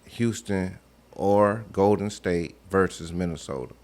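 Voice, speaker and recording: Low male voice, slangy sports co-host, argues informally and repeats points. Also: unhurried, a little mellow. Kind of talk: casual basketball debate.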